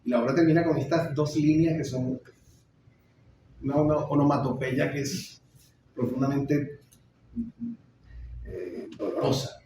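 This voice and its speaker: A middle-aged man giving a public lecture on theater, expressive, with frequent restarts. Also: medium pitch, a little slow, long pauses. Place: lecture hall. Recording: echoey hall, mic far off, faint noise.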